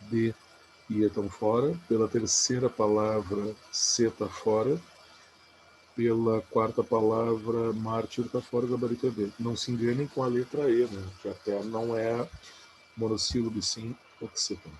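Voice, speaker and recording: Relaxed male teacher, lowish voice. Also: moderate pace, slight background noise, poor audio. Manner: casual, talks through answers aloud with frequent "né?" and "beleza?". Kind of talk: recorded exam-prep lesson.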